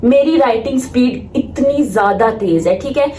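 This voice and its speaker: In an echoey room with faint background noise, a young Pakistani woman in her late teens vlogs casually for her viewers. Her high voice is expressive and dark in tone at a moderate pace, and she's emphatic and opinionated, peppering her talk with English phrases.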